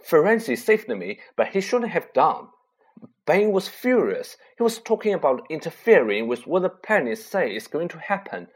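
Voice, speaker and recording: A man doing a high, feverish, frightened young boy. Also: very animated, moderate pace, a little mellow, breathy edge. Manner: urgent, breathless, raised delivery. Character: frightened, feverish boy wizard, about eleven.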